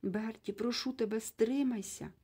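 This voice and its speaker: A woman's voice: on the high side, normal speed, mellow, slightly rough, pitched above the performer's own voice. Woman voicing a timid, stammering storybook father. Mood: pleading. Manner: stammering, pleading. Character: fussy kindly middle-aged father, timid.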